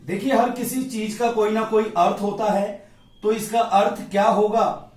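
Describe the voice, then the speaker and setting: A man's voice: high voice, fairly even intonation, unhurried, a little mellow. A male Hindi grammar teacher giving an exam-prep lecture at a board, drilling each point by asking a question and answering it himself. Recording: echoey room, voice from a distance.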